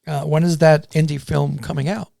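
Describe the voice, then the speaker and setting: A man hosting an interview, easygoing and joking, asking questions with lots of pauses and fillers. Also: fairly high pitch, little pitch movement, vocal fry, mellow, no room sound, clean studio sound. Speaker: interview host. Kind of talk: casual interview conversation.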